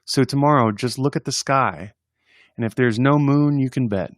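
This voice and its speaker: A mid-range male voice at a moderate pace, recorded in the studio without echo. As a story-time presenter he reads comic poems for children, relaxed and amused, with chuckles and chatty remarks between readings.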